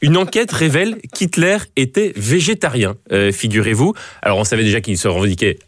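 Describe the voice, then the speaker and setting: Fast-talking male radio comedy columnist. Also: medium pitch, no echo. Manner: mock-grave setups, punchline wordplay, coaxes the studio to laugh along. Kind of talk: live studio comedy chronicle. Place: radio studio. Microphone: studio microphone.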